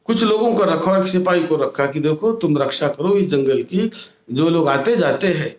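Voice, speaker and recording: A man, a Buddhist monk, telling a moral story in a sermon, retelling it slowly and often restating his phrases. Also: on the high side, lively intonation, roomy sound.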